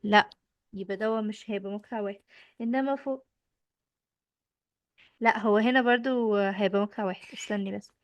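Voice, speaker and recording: A woman's voice: medium pitch, steady tone, fairly quick, pauses often, no echo. A young woman with an Egyptian Arabic accent, teaching English to a child, patiently asking questions and repeating the answers. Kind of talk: children's language lesson.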